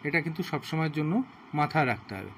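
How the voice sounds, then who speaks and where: A man demonstrating physiotherapy exercises on a patient at home, explaining each step slowly and with much repetition. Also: fairly high pitch, expressive, vocal fry, fairly bright tone, slight background noise. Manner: slow, repetitive, instructive.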